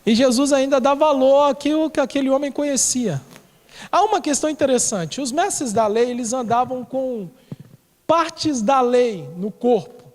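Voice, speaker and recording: A Brazilian male pastor preaching in a very high voice, telling stories and driving his points home by repeating phrases. He is recorded in a church whose hall adds a long, ringing reverb. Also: normal speed, a little mellow. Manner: storytelling, repeating key phrases for emphasis. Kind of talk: sermon.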